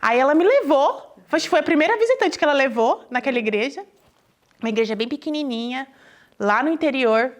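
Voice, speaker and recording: A Brazilian woman sharing a personal testimony, telling it with lively voices for the people in her story. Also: sits high, brisk. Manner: animated, acts out quoted dialogue, addresses listeners as "gente".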